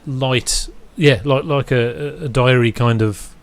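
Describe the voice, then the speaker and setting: A man's voice: medium pitch, fairly even intonation, a little slow. Chatty man reviewing an album. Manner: rambling, self-interrupting, with dry chuckles. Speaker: podcast co-host reviewing an album. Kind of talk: casual chat.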